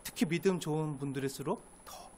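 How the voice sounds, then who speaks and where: A male pastor preaching a sermon in an earnest way, rising to emphatic lines and dropping to hushed asides, acting out quoted complaints. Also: a little high, brisk, slight background noise. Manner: acts out quoted complaints in a sharper, pushier voice.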